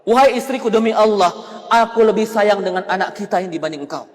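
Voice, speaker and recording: Stern devout caliph, voiced by a man, commanding, solemn, high voice, long hall reverb. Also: fast talker, natural voice. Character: stern, pious caliph, a father.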